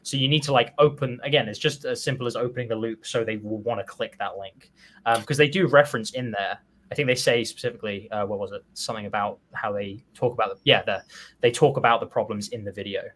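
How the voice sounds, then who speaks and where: A man's voice: on the low side, fast. Easygoing man giving casual critique. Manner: relaxed, hedging, many fillers and restarts. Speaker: co-host reviewing copywriting.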